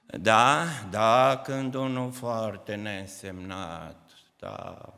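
A man preaching a sermon to a congregation, impassioned, swinging between loud outbursts and hushed, tearful passages. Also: on the low side, creaky. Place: church hall. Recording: reverberant church hall.

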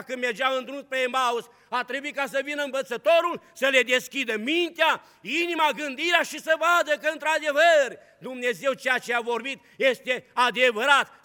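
A man preaching a fervent sermon, swinging between loud declarations and hushed storytelling. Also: very high voice. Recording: long hall reverb.

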